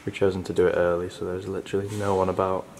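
A man giving casual, low-key commentary while walking through a large abandoned shopping centre, thinking aloud with pauses. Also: vocal fry. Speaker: urban explorer. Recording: steady background noise.

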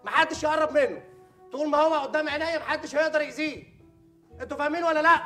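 A man's voice: very high voice, rapid-fire, pushed and bright, faint music behind. A man playing a stern male sheikh in a hidden-camera prank, commanding everyone to sit still and chanting prayers to drive off a jinn.

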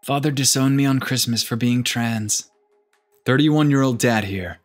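A man reading meme captions aloud and adding wry, deadpan comments. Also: mid-range voice, unhurried, faint music behind. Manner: wry, deadpan asides between read captions. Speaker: meme video narrator.

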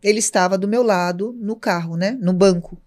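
A woman's voice: medium pitch, normal speed. A woman with a Brazilian Portuguese accent tells a personal story on a podcast. She talks casually and acts out each speaker in the dialogue she recalls. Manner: lively storyteller, acts out both sides of remembered dialogue. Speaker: podcast guest.

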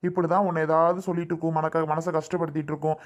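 A woman's voice: low voice, level tone, rapid-fire, muffled recording, close to an everyday voice. A woman playing a protective young husband who argues with and pleads with his mother. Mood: dismissive. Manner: pleading and arguing, urgent. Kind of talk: family drama skit.

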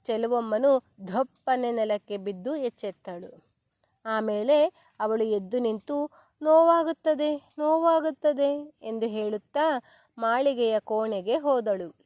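A woman reading a children's story aloud in a slow, clear, expressive storytelling manner. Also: on the high side, dry recording.

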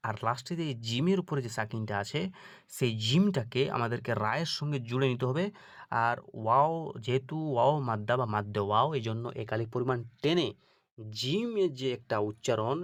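Male teacher for a Quran reading lesson, mid-pitched, dry close sound, patient, asks students questions and recites words slowly. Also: expressive, no echo.

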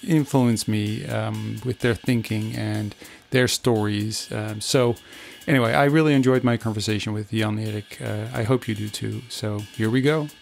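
Podcast host guy, gravelly, thinking out loud with ums, soft music underneath. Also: lowish voice, steady tone, moderate pace, hardly any pauses. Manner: reflective, musing, with fillers. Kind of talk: podcast intro and interview.

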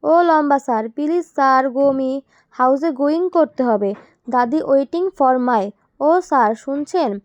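A whiny young pickpocket girl begs and wails in a high, stretched-out voice, mixing in broken English, as a woman reader puts her on. The sound is dry and a bit dull, with no room around it. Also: lively intonation, slow, a little mellow, no room sound. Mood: wailing. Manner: wailing, pleading, broken English.

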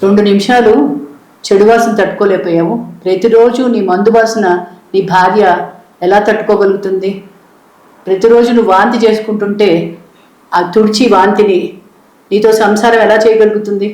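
An actress playing a woman from a charity who lectures a husband in a stern, measured way. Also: medium pitch, fairly even intonation, darkish tone, natural voice. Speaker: social worker. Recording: echoey room.

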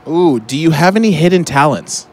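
A man's voice: a little high, expressive, normal speed, slight background noise. A man interviewing a performer, easygoing and playful. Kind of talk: casual interview. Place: outdoor festival.

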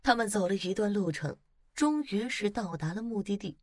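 A woman narrating a ghost story at a calm, steady pace. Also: mid-range voice, normal speed, no echo.

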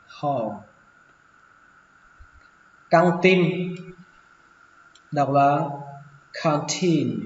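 A man teaching English vocabulary as a slow lesson, patiently repeating each word several times, a native Vietnamese speaker. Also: on the high side, slight background noise. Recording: echoey room with long reverb, dull lo-fi sound.

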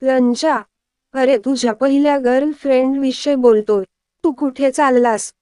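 A woman's voice: high-pitched, steady tone, a little slow, warm tone, clear, resonant tone, no echo, clean studio sound. A woman voicing a young man who keeps teasing his younger brother.

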